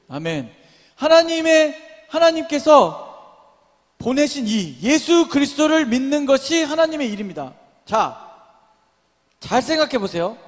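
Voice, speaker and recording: A man's voice: high-pitched, long reverb tail. A young man preaching a sermon to a young adults' service, asking the congregation many questions and calling for amens. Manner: calls for responses and amens. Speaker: pastor. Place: church sanctuary.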